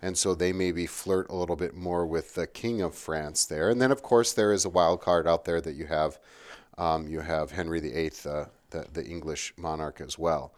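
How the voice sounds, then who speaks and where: A man's voice: sits low, steady tone, normal speed. A man in a casual history chat, rambling and checking in with his partner as he goes.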